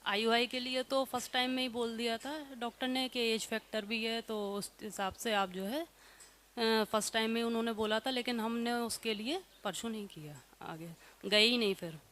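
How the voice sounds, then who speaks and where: Earnest housewife telling her story, highish voice, really bright and sharp. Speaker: housewife sharing testimony. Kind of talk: emotional personal testimony.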